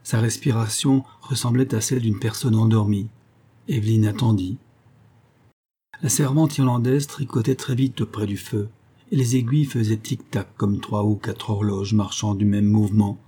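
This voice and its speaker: A man reads a gothic tale aloud in a low, dark voice with a husky grain. His delivery is measured narration for an audiobook. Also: fairly even intonation.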